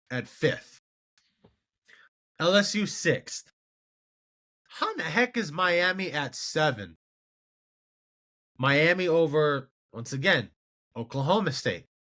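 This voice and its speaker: A man's voice: medium pitch, fairly bright tone. A man hosting a casual sports commentary show, rambling and incredulous as he talks to himself. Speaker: show host.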